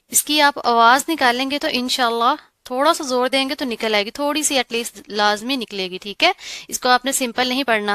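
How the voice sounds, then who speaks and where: A woman teaching Quran recitation rules, explaining patiently and often checking in with the learner, with slow, melodic recitation. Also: a little high, sharp tone, clear, resonant tone, dry recording. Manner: recites verses slowly and melodically. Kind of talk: tajweed lesson.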